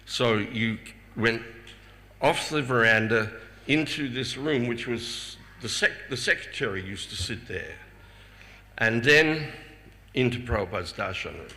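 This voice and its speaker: An older man telling personal anecdotes to a festival audience, chuckling often and stumbling over repeated words when he gets excited. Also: mid-range voice. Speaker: speaker sharing personal memories. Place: festival hall before a live audience. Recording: reverberant hall with faint ambient noise.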